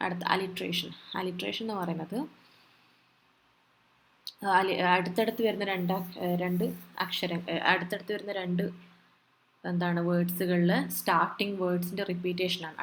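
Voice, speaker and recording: A woman tutor talks in a fairly low voice. She reads notes out slowly, then explains them in Malayalam, full of fillers and restarts. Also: little pitch movement. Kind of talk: exam-prep lecture.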